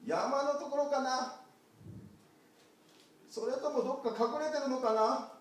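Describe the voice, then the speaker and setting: A man playing a kind, worried shepherd in a children's picture-card story, calling out loudly. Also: extremely high pitch, measured pace, voice pushed up. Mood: calling anxiously. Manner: loud calling and shouting. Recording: echoey church hall from far off.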